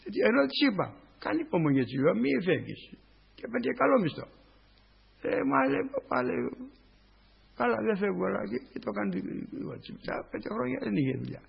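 An older male priest preaching a sermon with a raspy voice, punctuating it with repeated doxologies. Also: high voice, very animated. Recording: dull lo-fi recording with long reverb.

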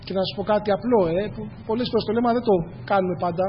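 A man's voice: high voice, fairly even intonation, a little hiss or hum. A man preaching a church sermon, earnest and repetitive, speaking straight to his congregation. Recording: echoey hall, dull lo-fi sound.

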